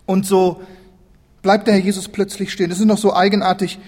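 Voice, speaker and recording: Animated high-voiced male preacher in a hall. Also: fairly quick. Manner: animated, acts out biblical figures in dialogue. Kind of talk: sermon. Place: church.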